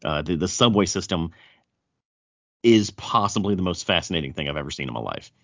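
A man's voice: low voice, very animated, fairly quick, fairly bright tone. A man with a thick Southern US accent hosting a casual podcast chat, often stammering and repeating words as he goes. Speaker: podcast host. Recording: dull, roomy echo.

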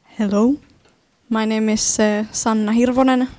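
A woman's voice: on the high side, fairly even intonation, measured pace, a little mellow, no room sound. A woman with a Finnish accent speaking unscripted as a panelist, hesitantly searching for words. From Finland. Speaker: panelist, dance artist.

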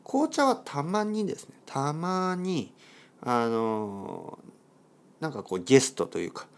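Lively, repetitive Japanese-teaching man. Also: a little high, slow pace. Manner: repeats key words, many soft fillers. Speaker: podcast host teaching Japanese. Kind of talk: simple spoken explanation for learners.

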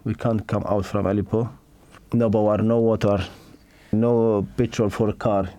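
A middle-aged Syrian man speaks in a fairly low voice, recorded dry and close. His English is halting and non-native, broken by fillers and restarts as he recounts his story. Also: little pitch movement, dark tone, no room sound. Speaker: interviewee, father. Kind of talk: personal testimony.

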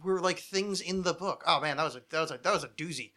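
A man hosting a podcast chats casually while answering trivia questions, thinking aloud hesitantly, often criticizing himself and swearing freely. His voice is on the high side, fast, pushed, and bright.

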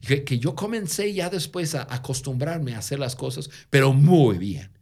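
A man co-hosting a podcast who tells stories in casual Spanish, which is not his first language, with a lingering foreign accent and frequent halting restarts. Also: mid-range voice, expressive, a little mellow. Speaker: podcast co-host. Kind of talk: casual conversational storytelling.

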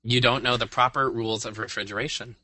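A man's voice: medium pitch, fairly even intonation, fast talker, very noisy. A man co-hosting a podcast, joking and teasing in a playful way. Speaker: podcast co-host. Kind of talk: casual chat.

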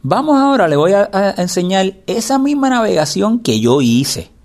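A man's voice: sits high, big pitch swings, normal speed, darkish tone. A man instructing in a screen reader tutorial, explaining patiently and repeating the key steps. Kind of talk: spoken step-by-step tutorial.

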